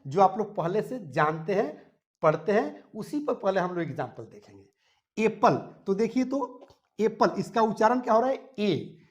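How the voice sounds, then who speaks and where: A man teaching a grammar lesson to a class, repeating each point and telling the students to write it down. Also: high-pitched.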